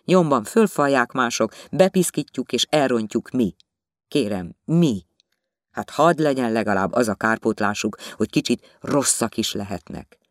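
Guy reading as a calm old doctor, soft and patient, explains things gently, dry close sound. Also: medium pitch, dry recording, natural voice. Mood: reasoning. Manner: soft, mild, lecturing gently. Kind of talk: audiobook character voice.

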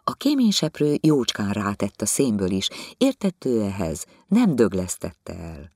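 Male narrator for a literary audiobook, expressive storytelling, animated pitch, dry close-mic studio sound. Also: dry recording.

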